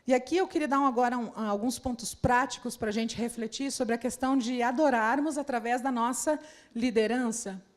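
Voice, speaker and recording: A woman with a fairly high voice and a quick pace preaches a sermon to church leaders at a conference. She speaks straight to her listeners, posing many rhetorical questions.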